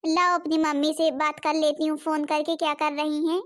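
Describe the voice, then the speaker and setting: Woman doing a stingy bossy cartoon stepmom, very high voice, always nagging. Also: flat delivery, moderate pace, close to an everyday voice. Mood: scolding. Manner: scolding, complaining. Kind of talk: cartoon voice acting.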